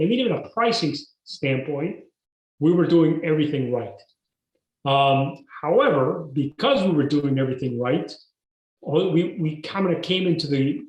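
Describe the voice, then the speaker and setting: A man, a guest telling his story in a podcast interview in a measured, emphatic way. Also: on the high side, darkish tone. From Mexico. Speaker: guest entrepreneur. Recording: roomy echo.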